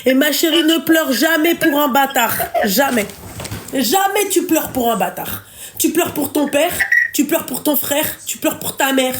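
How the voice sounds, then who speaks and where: A woman hosting a call-in advice talk, fervent, affectionate and emphatic. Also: sits high.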